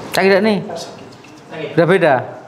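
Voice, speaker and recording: A man's voice: high-pitched, expressive, moderate pace, noisy background. A man, a sports massage therapist talking casually and coaxing a patient while he works, often laughing.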